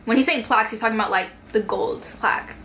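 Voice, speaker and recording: A woman's voice: a little high, fast, pushed and bright, slight background noise. A young woman telling a story on her vlog in a casual way, saying "like" a lot and reading out text messages. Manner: heavy use of "like", reads out text messages. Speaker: YouTuber.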